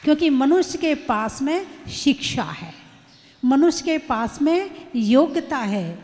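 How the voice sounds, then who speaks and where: A woman's voice: sits high, sing-song, slow pace, darkish tone, in a large hall. A woman preacher giving a sermon, emphatic and repeating phrases as she addresses the audience. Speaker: Jain nun preacher.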